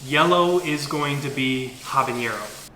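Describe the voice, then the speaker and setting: A man's voice: mid-range voice, unhurried, sharp tone. A man co-hosting a food challenge, chatting casually in a playful, jokey way. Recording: echoey room, faint background noise.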